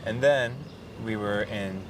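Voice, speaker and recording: Slangy low-voiced man bantering outdoors. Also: slow. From Taiwan. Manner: laid-back slangy banter, says dude. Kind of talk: casual chat. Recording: street noise behind.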